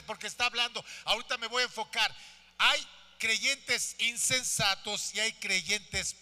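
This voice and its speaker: A man's voice: sits high, sharp tone. Man, pastor, sermon, fervent, calls to congregation, church with long reverb. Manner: preaching with rising fervor and calls to the congregation. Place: church sanctuary.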